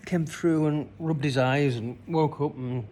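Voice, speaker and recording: A man with a slightly high, mellow voice speaks unhurriedly with fairly even intonation. He's a spiritual coach telling the camera about a childhood memory, rambling loosely with plenty of fillers and restarts.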